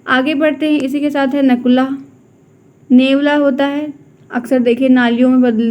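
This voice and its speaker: A woman's voice: sits high, highs cut off. A woman teacher going through an exam-prep lesson, repeating key words and reminding students to keep them in mind.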